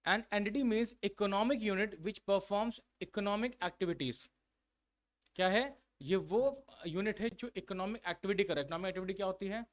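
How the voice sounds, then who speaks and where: A young male accountancy tutor giving a classroom lecture, explaining in simple steps and reading definitions slowly before restating them. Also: high-pitched, fairly bright tone.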